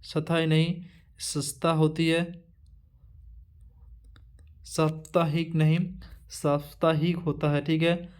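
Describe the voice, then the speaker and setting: A male teacher running an exam-prep lesson, reading through a word list in a repetitive drilling way with halting restarts. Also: fairly high pitch, completely flat delivery, a little mellow.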